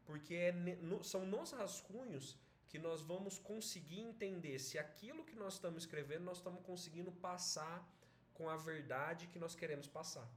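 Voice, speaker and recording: A man's voice: high-pitched, moderate pace, echoey room, slight background noise. A man with a Brazilian accent teaching an online essay-writing class, explaining in a chatty way and checking in with his students. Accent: Brazilian Portuguese.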